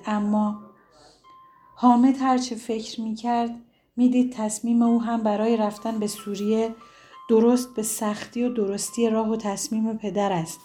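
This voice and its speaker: A woman reading a story aloud in steady, scripted narration. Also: medium pitch.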